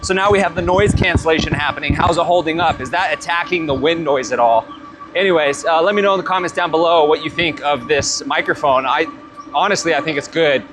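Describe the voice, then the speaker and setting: A man vlogging outdoors in strong wind on a chest-clipped wireless mic, his raised, loud voice run through noise cancellation that leaves warbly noise-reduction artifacts. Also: fairly high pitch, fairly quick, music in the background. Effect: voice processed by noise cancellation with warbly noise-reduction artifacts in wind. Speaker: tech reviewer. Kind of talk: casual product-review vlog. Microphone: wireless clip-on mic on his chest.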